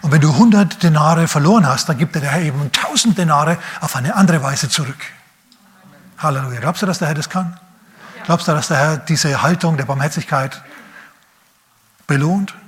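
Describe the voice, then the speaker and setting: A male pastor preaching a sermon, speaking emphatically and throwing rhetorical questions at the listener, swinging between urgent raised phrases and quiet low asides. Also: normal speed.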